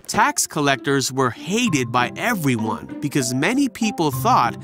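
A man's voice: medium pitch, sing-song, unhurried, over music. A man narrating a children's Bible cartoon in a storybook manner. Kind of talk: scripted narration.

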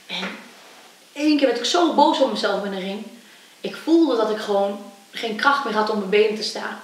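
A woman's voice: mid-range voice, normal speed, far from the mic. Woman telling her story in an echoey room. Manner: animated storytelling, acting out quoted voices. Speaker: kickboxer. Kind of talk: personal interview storytelling. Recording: echoey room, voice from off-mic, faint hiss.

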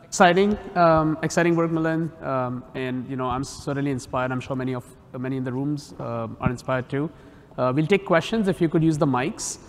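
A man's voice: medium pitch, brisk, big-room sound. A man chairing a conference session briefly thanks the speaker and opens the questions in a hesitant way. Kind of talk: moderating Q&A.

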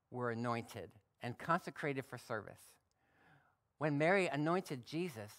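A man preaches a Sunday sermon in an easygoing, conversational way. He reads scripture aloud and drops in casual asides between the verses. His voice sits at an ordinary middle pitch for a man. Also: fairly bright tone. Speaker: pastor. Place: church.

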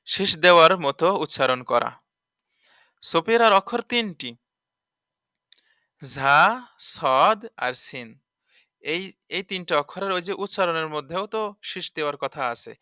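A male Quran teacher gives an online tajweed lesson in a bright, ringing voice. He explains quickly, then slows down and stresses each letter as he spells it out. The sound is dry and close, with no room echo. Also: fairly high pitch, animated, clean tone.

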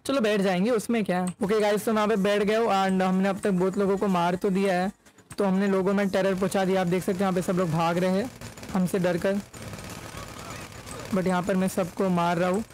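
In a low-quality recording with a little hiss or hum, a young gaming YouTuber gives casual Hindi-English gameplay commentary into a close microphone in front of his face. His high, darkish voice stays level and runs a little fast.

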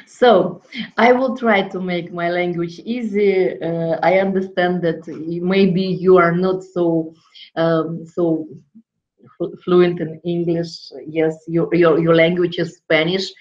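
A middle-aged guest lecturer with a Russian accent speaks over a video call from an office with framed certificates on the wall. Her lowish voice keeps a fairly even intonation, and she halts often, filling pauses while searching for words. The laptop webcam gives the audio a dull, lo-fi quality.

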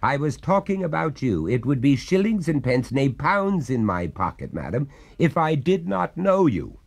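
A man playing an exasperated, pompous gentleman householder who answers back with testy sarcasm. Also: medium pitch, big pitch swings, moderate pace, vocal fry, voice pushed up.

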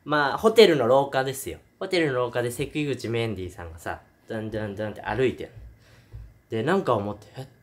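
A man with a medium-pitched voice speaks fast as he retells a horror film in a casual review monologue. He tells it with animation, acting out scenes with sound effects and character voices.

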